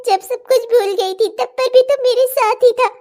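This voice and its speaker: A woman's voice: very high-pitched, fairly even intonation, normal speed, a little mellow. A woman voicing a remorseful mother in a cartoon, speaking through tears. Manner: tearful, remorseful. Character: remorseful older mother, tearful. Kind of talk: cartoon voice acting.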